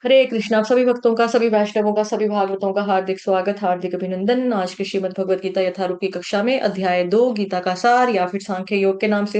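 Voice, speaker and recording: A woman teaching a devotional scripture class, slowly chanting Sanskrit verses and patiently explaining how to pronounce them. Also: mid-range voice, a little mellow.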